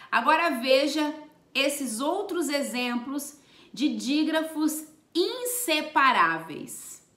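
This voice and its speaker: A woman's voice: high-pitched, pushed and bright, roomy sound. A woman teaching a Portuguese grammar lesson, spelling out letters and stressing each example word. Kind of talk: slow, deliberate grammar lesson.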